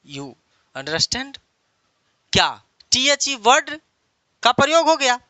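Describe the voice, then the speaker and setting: A man's voice: extremely high pitch, sing-song, slow pace, bright, forceful tone, dry recording. A man teaching an online English lesson, explaining patiently and repeating key phrases many times over.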